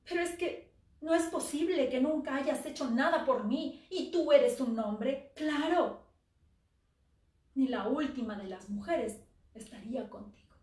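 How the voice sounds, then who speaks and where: A desperate young wife who begs and rages in a high, shrill, tearful voice, as a woman storyteller acts her out. The sound echoes around a big room, and the mic sits some way off. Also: expressive, unhurried. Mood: pleading. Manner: pleading, shrill and sobbing. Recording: roomy echo, from far off the mic.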